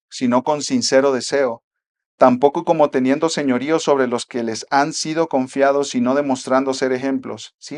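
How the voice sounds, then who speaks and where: A male pastor preaching with a notably high voice. He hammers home his points with repeated rhetorical questions. He drops from forceful lines to near-whispered ones. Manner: emphatic, repeats rhetorical questions, swings from loud to hushed. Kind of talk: sermon.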